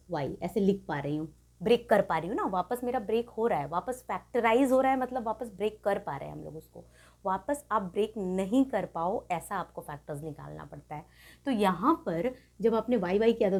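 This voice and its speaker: A woman tutor explaining a math lesson to students, often asking whether they have understood and stressing key points. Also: on the high side. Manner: repeats checks like "clear?", lively emphasis.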